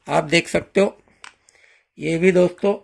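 High-voiced man giving a casual demo. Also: unhurried, vocal fry. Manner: friendly instructional, repeats "जी हाँ दोस्तों". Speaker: channel host demonstrating a car washer.

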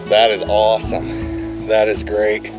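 A man talking casually while fly fishing outdoors by a mountain creek, breaking into excited exclamations over each fish. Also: fairly low pitch, takes it slowly, over music, low-quality recording. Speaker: fly fisherman filming his outing. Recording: stream noise, outdoor camera audio. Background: running stream.

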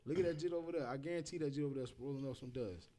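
A man trash-talking and telling stories fast and loud in a casual podcast among friends. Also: mid-range voice. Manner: fast, loud roasting with storytelling.

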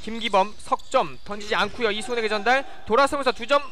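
A man giving live basketball play-by-play, excitable and shouting when shots go in. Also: sits high, fast talker. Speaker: play-by-play sports commentator. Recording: loud gym noise behind the voice. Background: basketball court ambience, bouncing ball.

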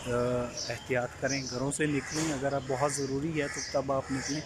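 Young male vlogger, level monotone delivery, halting fillers, earphone mic outdoors with street noise behind. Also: mid-range voice. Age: young adult. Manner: hesitant, many drawn-out "aa" fillers. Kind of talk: casual vlog to camera. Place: outdoors on a leafy residential street. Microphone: earphone mic, selfie phone at arm's length.

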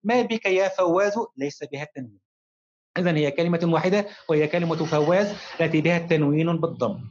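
Fast-talking man teaching a lesson, lo-fi. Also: fairly high pitch, a little mellow. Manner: slow, careful dictation-style reading of examples; addresses pupils fondly and encouragingly. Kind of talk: recorded online lesson. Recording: dull, lo-fi recording.

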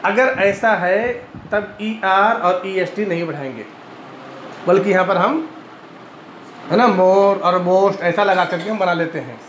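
A man with an Indian Urdu accent lectures on grammar in a fairly high voice, going over each point twice and checking in with his students. The madrasa classroom rings with echo, and the recording sounds dull and muffled with a faint hiss under it. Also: takes it slowly, fairly bright tone. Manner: clears throat often. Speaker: Arabic grammar teacher.

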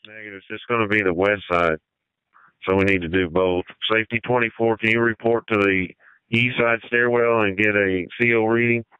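A man's voice: on the low side, steady tone, fairly quick, clean tone, no room sound. A man giving terse orders as a fire incident commander over a two-way radio. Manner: terse, directive. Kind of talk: firefighter radio dispatching. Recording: dull, band-limited fire radio channel.

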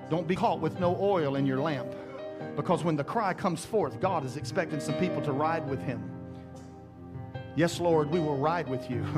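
A middle-aged man pastor preaching a sermon on a large church stage through a headset mic, with emphatic rising calls and slow, drawn-out scripture readings. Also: a little high. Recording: church sermon with music behind.

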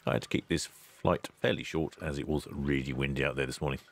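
Host VO: very low male voice, casual and wry, cheery sign-offs. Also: steady tone, a little fast, creaky. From England. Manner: chatty, dry asides, loud cheery greetings. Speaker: ship-spotting channel host. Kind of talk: relaxed voice-over narration.

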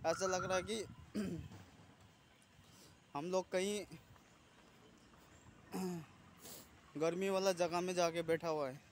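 A man in his thirties chatting casually to a handheld phone camera as he walks outdoors, rambling and often clearing his throat. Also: a little high. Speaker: vlogger. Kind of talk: casual walking vlog. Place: outdoors on a sunny city street. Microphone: phone camera held at arm's length. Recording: noisy street traffic outdoors. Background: passing traffic.

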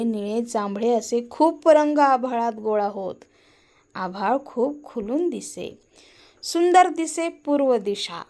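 A woman storyteller reads a children's tale in a gentle, sing-song way, her voice sitting a little high. She takes it unhurriedly, letting each short phrase land before the next.

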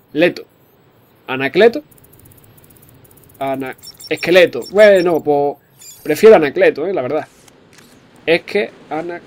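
A man giving jokey let's-play commentary, excitable and swearing often. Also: a little high. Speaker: gamer.

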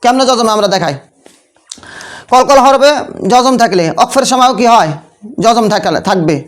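High-voiced man teaching Quran recitation. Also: expressive, moderate pace, fairly bright tone. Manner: repeats questions to students and answers them himself; checks in constantly with rhetorical tag questions. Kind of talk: classroom lesson on tajweed rules.

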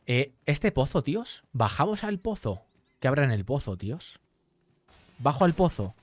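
A young man, live-streaming gameplay in a mid-pitched voice. He talks to his chat, reads their comments aloud and swears freely. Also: very animated, normal speed. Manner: chatty, swears often, reads and answers chat.

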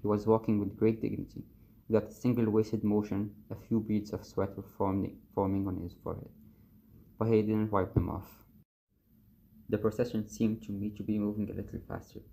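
Man with a low, gravelly, flat voice. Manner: measured, even first-person reading. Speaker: reader of a book excerpt. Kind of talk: reading a novel aloud.

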